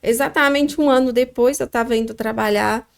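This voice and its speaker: This podcast guest, a restaurant founder in middle age from Minas Gerais, Brazil, has a high-leaning, clean voice with vocal fry. She narrates her story in Minas Gerais Brazilian Portuguese, reflective and full of pauses and fillers.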